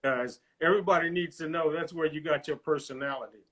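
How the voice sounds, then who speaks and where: An older man from the US, a retired officer, recalling his career in a measured, proud way during a family chat. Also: fairly high pitch, steady tone, a bit bright. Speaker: guest, retired Coast Guard officer.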